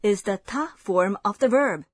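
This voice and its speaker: A woman hosting a language lesson, giving clear, measured scripted explanations. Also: mid-range voice, animated, no room sound, studio quality.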